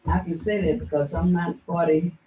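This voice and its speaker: An older woman with a fairly low pitch and fairly even intonation reminisces casually at a moderate pace during a community heritage meeting. She rambles, often restarting and chuckling. She's heard from far off in a roomy indoor meeting hall with faint background noise.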